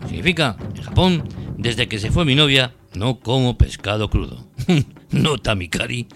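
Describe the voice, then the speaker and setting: A man's voice: medium pitch, big pitch swings, moderate pace, noisy background. A man from hosting a comedic parody language lesson, mock-teacherly and punning with crude asides. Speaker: host of a spoof language course. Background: music.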